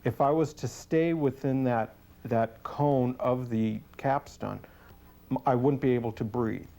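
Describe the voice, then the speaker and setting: A police sergeant gives testimony in a gravelly, warm, medium-pitched voice. He takes the interview questions earnestly and deliberately, answering them plainly and matter-of-factly.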